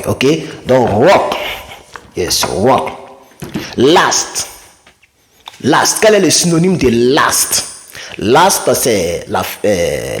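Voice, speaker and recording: Slow, animated man teaching words. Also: on the low side. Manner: chatty, repeats words slowly, corrects himself. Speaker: English teacher. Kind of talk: casual vocabulary lesson.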